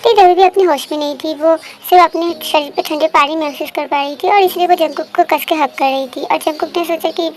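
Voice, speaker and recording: High-voiced woman narrating a story. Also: fairly even intonation, fairly quick, few pauses, slight background noise. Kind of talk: fan fiction story reading.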